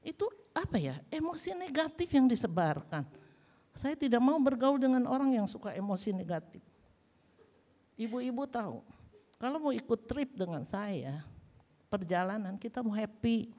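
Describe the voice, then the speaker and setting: Woman pastor with an Indonesian accent; animated, wide-ranging sermon delivery, storytelling. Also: a little high, normal speed. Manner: lively storytelling, acts out dialogue.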